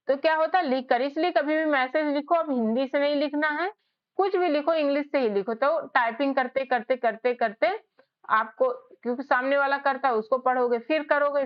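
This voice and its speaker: A woman teaching English spelling in a casual lesson, explaining slowly letter by letter. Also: high voice. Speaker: English tutor. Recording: slightly dull lo-fi sound.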